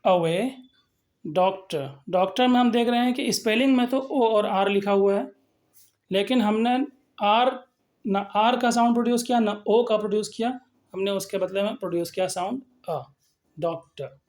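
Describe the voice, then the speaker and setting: A woman's voice: mid-range voice, normal speed, darkish tone. A woman teaching phonetics in a recorded lesson, explaining patiently and repeating example words. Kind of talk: recorded lecture with slides.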